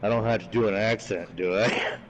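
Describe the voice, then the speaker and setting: A man's voice: fairly low pitch, fairly even intonation, brisk. A man chatting casually as a player in an online tabletop roleplaying game. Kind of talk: casual chat. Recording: faint background noise, online voice chat.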